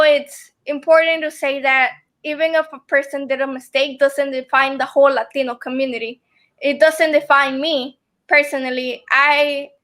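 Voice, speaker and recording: Speaking from a room in her home, a young student guest on a video call talks earnestly, filling her speech with ums. Spanish is her first language, and her family comes from El Salvador. Her high voice sounds bright and pushed.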